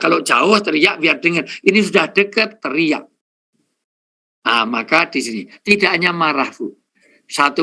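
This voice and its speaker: A man's voice: fairly high pitch, bright, forceful tone. A middle-aged man preaching a humorous sermon to a live audience, joking, speaking to listeners directly and counting off his points. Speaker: Islamic preacher.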